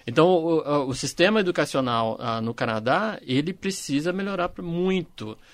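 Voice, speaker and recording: A man's voice: fairly high pitch, lively intonation, normal speed, dry recording. A man, a panel guest who often stalls and repeats words as he searches for them. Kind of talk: discussion on a panel show.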